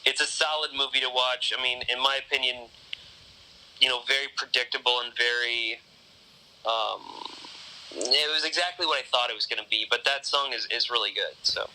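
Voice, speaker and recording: Very bright-voiced man rambling. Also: mid-range voice, moderate pace, slight background noise, rough recording. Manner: rambling, thinks out loud with many restarts. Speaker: podcast host. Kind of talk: casual podcast chat.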